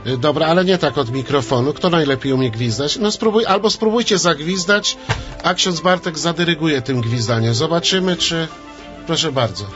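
A man's voice: a little high, normal speed, a bit bright, dull audio, soft background music. A man hosting a radio show, chatty and coaxing his guests to talk. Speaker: radio host. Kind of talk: casual radio chat.

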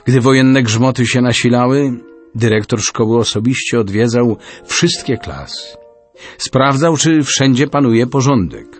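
A man narrating a storybook in an expressive reading style. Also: medium pitch, a little slow, faint music behind.

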